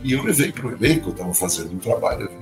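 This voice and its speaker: A man's voice: lowish voice, big pitch swings, fast, echoey room, over music. An older Brazilian actor telling personal stories as a podcast guest, acting out the people he quotes. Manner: warm storytelling, acts out quoted voices. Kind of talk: casual interview chat.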